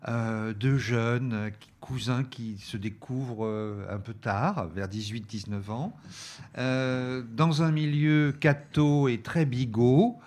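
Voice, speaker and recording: A man talks through a film selection at an unhurried pace. His voice sits at an ordinary middle pitch, and he keeps stopping to search for words. The hesitant, filler-heavy delivery sounds like casual review chat. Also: steady tone, a little mellow. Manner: hesitant, many fillers and restarts. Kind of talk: radio-style review chat.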